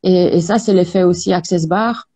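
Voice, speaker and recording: A guest in an interview, an Access Bars practitioner explains energy healing sessions. Her voice is mellow, soft-edged, lowish and breathy, and she speaks calmly at a measured pace, often pausing on hesitations.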